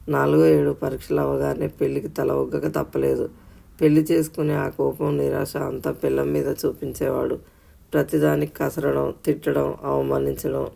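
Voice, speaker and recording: A man narrating an audio short story in a steady, scripted reading voice. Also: on the high side, gravelly.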